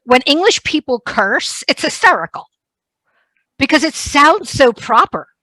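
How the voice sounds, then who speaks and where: A woman with a New Jersey accent hosting a podcast interview, chatty and quick to laugh. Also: high-pitched, very animated, bright, forceful tone, dry recording, poor audio. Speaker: podcast host. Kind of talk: casual interview chat.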